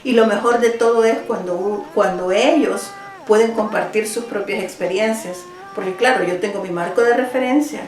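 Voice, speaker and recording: A woman's voice: mid-range voice, normal speed. A woman from El Salvador, a teacher, answering interview questions at home, earnest and thoughtful with small restarts. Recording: roomy, mic at a distance.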